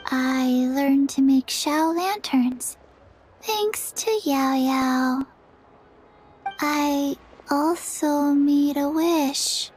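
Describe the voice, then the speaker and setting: A forgetful little zombie girl for a video game. She speaks extremely slowly in a high, flat, halting voice, with clear noise behind her. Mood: calm, earnest. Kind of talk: game voice acting.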